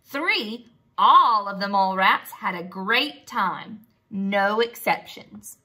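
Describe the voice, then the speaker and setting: Reading aloud to a group of young children, a teacher brings the storybook to life, pausing for simple questions and offering praise. She speaks slowly, with lively intonation and a sharp tone in a medium pitch.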